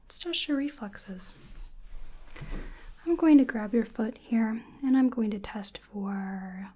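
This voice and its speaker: Slow and fairly high-pitched, a woman murmurs to herself in a soft, breathy whisper while role-playing a medical examiner for ASMR. She comes across gentle and hesitant.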